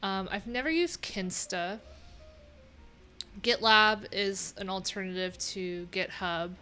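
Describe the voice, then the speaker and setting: Soft background music plays as a woman speaks slowly in a medium-pitched voice that is bright, forceful, clear and resonant. She's a middle-aged web developer hosting a casual coding livestream from a small home room, thinking out loud and reading her screen with wry, offhand remarks.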